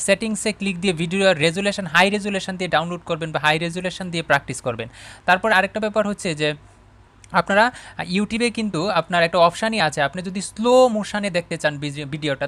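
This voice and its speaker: Bangladeshi guy teaching english online, talks to his students, reads english super slow word by word. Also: high-pitched, a bit bright. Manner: talks to viewers as students, often asking "all right?". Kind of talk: online video English lesson.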